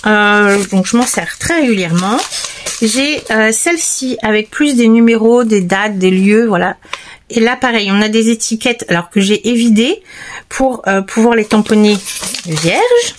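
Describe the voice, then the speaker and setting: Chatty woman with a slightly high voice. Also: slight background noise. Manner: chatty and relaxed, speaks straight to viewers, many hesitations. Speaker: paper crafter showing her materials. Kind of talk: casual crafting tutorial.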